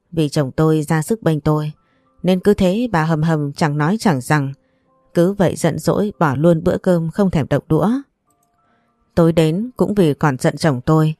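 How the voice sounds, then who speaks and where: Brief: woman reading a first-person story, mellow tone, soft music behind. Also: low voice, dry recording, studio quality. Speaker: story narrator. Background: faint background music.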